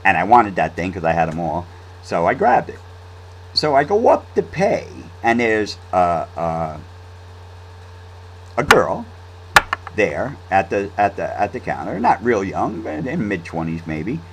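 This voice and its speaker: Vlog host, male: loose rambling storytelling, low pitch, animated swings. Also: a little slow, noisy background. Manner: rambling, with restarts and fillers. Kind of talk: casual storytelling monologue.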